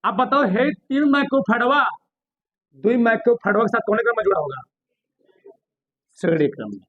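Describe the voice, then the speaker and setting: A man a very high voice teaches physics in a classroom. He keeps asking his students questions and gently scolds them as he works. The sound is dry and close, no room echo. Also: fairly quick, phone-quality sound. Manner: drills students with repeated questions, scolds lightly. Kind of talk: classroom lesson solving problems on a board.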